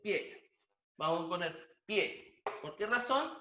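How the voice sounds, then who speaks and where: A man teaching a language lesson slowly and patiently, repeating each word several times so that students can copy it. His voice sits fairly high for a man, and he is recorded in an echoey room. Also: noisy background. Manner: slow, patient, repeats words and drills pronunciation.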